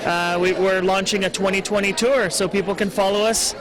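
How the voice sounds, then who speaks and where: A man's voice: high voice, fairly even intonation, brisk, poor audio. A man earnestly explaining things as a guest in a casual interview. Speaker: interview guest, show founder. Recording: event crowd noise behind.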